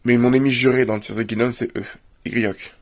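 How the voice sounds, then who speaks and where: A man with a mid-range voice speaks fairly quickly and steadily in a casual show-and-tell video. Leafing through a book, he plainly lists items one after another.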